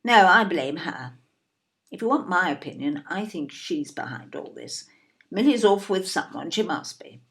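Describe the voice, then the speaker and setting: In an audio play, a woman with an English accent performs an indignant, snobbish older mother who is fussy and emphatic. Her fairly low voice is expressive and a bit bright, with vocal fry at a moderate pace. She lays blame indignantly, speaking emphatically, repeating herself, and leaning on tag questions.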